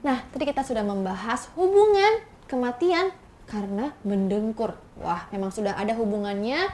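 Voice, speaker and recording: Female host, infomercial health show: conversational presenting, slightly high pitch, reactive. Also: expressive, moderate pace, darkish tone.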